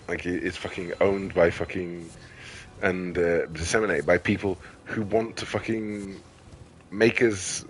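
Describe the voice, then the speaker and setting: Low-voiced, tired, swearing man ranting. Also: slight background noise, low-quality recording. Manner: rambling, heavily profane, frequent fillers. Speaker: gaming video creator. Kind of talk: casual ranting commentary over gameplay.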